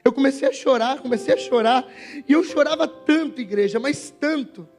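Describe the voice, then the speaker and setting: A man's voice: very high-pitched, normal speed, soft background music. A young Brazilian man preaching, telling a personal conversion testimony with emotion and calling out to the church. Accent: Brazilian Portuguese. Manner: emotional storytelling, addressing the church directly. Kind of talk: sermon testimony.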